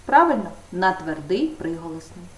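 A woman teaching a primary school grammar lesson, dictating slowly and stretching out the key words for the pupils. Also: lowish voice, big pitch swings, far from the mic, slight background noise. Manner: slow, drawn-out emphasis on case questions. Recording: echoey room, voice from off-mic.

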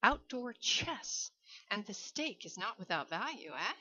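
A woman's voice: mid-range voice, very animated, measured pace, sharp tone, husky, no echo, highs cut off, exaggerated voice. A woman voicing a suave, menacing aristocratic male general with mocking courtesy.

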